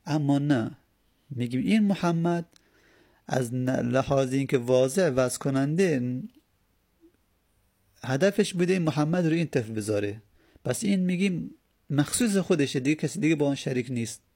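A man's voice: mid-range voice, warm tone. A man teaching a grammar lesson, patiently explaining step by step and answering his own questions.

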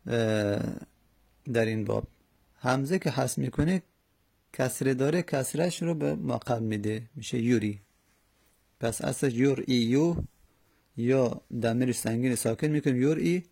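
A man teaching a grammar lesson, slowly and methodically drilling verb conjugations with hesitant fillers. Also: mid-range voice, creaky, mellow, breathy edge. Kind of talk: Arabic morphology lesson in Persian.

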